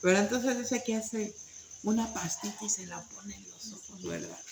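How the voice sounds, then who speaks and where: A woman's voice: mid-range voice, huge pitch swings, normal speed, a little mellow, echoey room, slight background noise, rough recording. A woman teaching an informal Bible study, talking conversationally with many fillers and tag questions.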